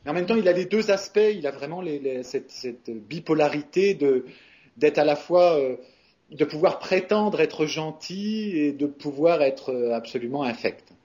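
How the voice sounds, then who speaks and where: The interview guest, a voice actor from France, has a fairly high, warm voice with lively intonation and normal speed. He answers in a casual, hesitant manner, stumbling through restarts and fillers. Everything is heard through a muffled, lo-fi recording.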